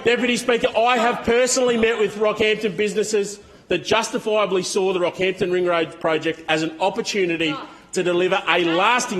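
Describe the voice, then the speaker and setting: Speaking in the parliament chamber, this Australian opposition MP has a high-pitched, slightly bright voice. His speech is emphatic and confrontational, using repetition for added force.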